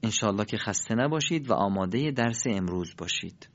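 A man teaching Quran recitation in a recorded lesson, demonstrating sounds slowly and asking learners to repeat after him. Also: lowish voice, expressive. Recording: dull lo-fi recording.

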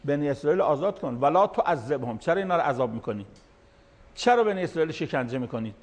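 Speaking to a room of managers, a man close to seventy, a cleric in his late 60s, explains verses one line at a time in plain talk, sermon-style. His voice is fairly high-pitched and swings widely in pitch.

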